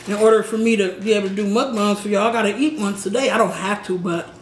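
A woman's voice: mid-range voice, fairly even intonation, fast, a little hiss or hum. A young woman chatting casually in slang while she eats for her vlog. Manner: slangy, chatty, talks between bites. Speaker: mukbang vlogger. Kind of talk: casual eating vlog chat. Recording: roomy echo.

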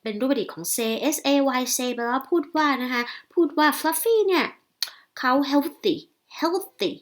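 A woman teacher from Thailand with a somewhat high voice, reading a story sentence by sentence at an unhurried pace. She reads each English line slowly, then explains it in friendly, chatty speech full of polite particles. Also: expressive.

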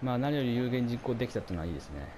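A man doing casual commentary over a football video game, chatting to his viewers and reacting out loud to the plays, his voice getting hoarse. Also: medium pitch, big pitch swings, rapid-fire, crowd noise. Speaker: gameplay commentator.

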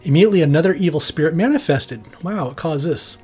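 A man hosts a podcast and narrates a written account, breaking off for wry, joking remarks. His voice is husky and sits a bit high for a man. Faint music plays underneath. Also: lively intonation, fast talker, darkish tone. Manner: wry, jokey asides. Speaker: podcast host. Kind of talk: reading and commenting on an account.

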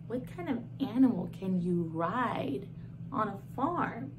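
A woman in her thirties, filmed close in a small room, teaches toddlers with exaggerated gasps and questions in a high voice. The recording is rough, with some background noise.

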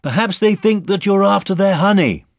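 A man plays a sensible little boy from a storybook, his voice lifted high and lively. He is obliging and plain-spoken. The delivery is projected, as if calling upward, with a slightly husky edge. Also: slow pace, no echo, clean studio sound, exaggerated voice. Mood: helpful, calling up. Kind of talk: children's storybook character reading.

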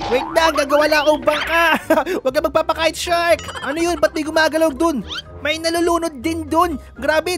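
A high-pitched woman with a Filipino accent narrates her gameplay for her channel in a playful, giggly way, laughing often. Background music plays under her voice throughout. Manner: playful, giggly, talks to viewers as "guys". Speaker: gaming channel host. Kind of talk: Roblox gameplay commentary.

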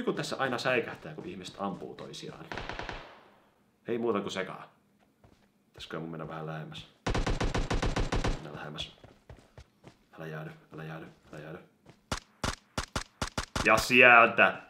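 A man doing casual gameplay commentary on a mobile game, excitable and given to sudden yelps when startled. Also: sits low, a little hiss or hum. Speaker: gaming YouTuber.

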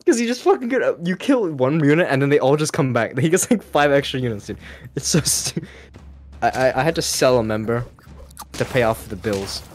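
A man gaming with friends, his voice leaping all over the place as he swears and shouts at the screen. He goes from low mutters to sudden yells, with a lively, swinging pitch. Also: fairly quick. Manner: excitable, swearing, sudden yelling outbursts. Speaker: gamer. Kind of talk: casual gameplay chat.

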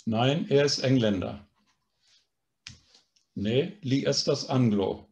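Male language instructor, unhurried, patient explainer, mid-pitched voice, online lesson. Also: a little mellow. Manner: patient, explanatory, often adds a questioning "ne?".

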